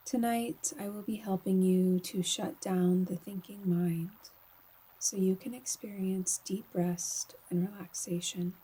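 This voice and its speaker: A yoga nidra guide, a woman, leads a slow meditation in a soft, breathy, medium-pitched voice that often drops close to a whisper. She is calm and soothing, with long pauses, though the audio quality is poor.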